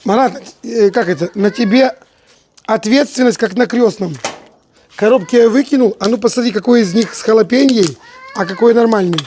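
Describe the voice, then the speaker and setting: A woman's voice: on the high side, normal speed, warm tone. Woman with an Odessa Russian accent, background noise. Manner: playfully bossy, affectionate, colloquial. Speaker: home cook in a family food video. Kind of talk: casual banter while cooking.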